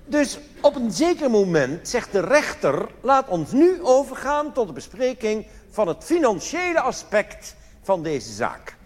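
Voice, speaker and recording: A Dutch comedian's voice sits high, swinging hugely in pitch as he talks a little slowly with few pauses. He's doing live stand-up cabaret on a theatre stage in a large hall, telling anecdotes with theatrical mock solemnity and many rhetorical questions, in a reverberant, noisy live recording.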